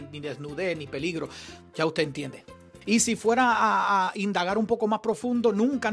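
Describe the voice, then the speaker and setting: A man with a bright, high-pitched voice and speech, reacting to online comments with lively laughter. He is a preacher and musician and reads comments aloud with mock-dramatic flair. Soft music plays behind him.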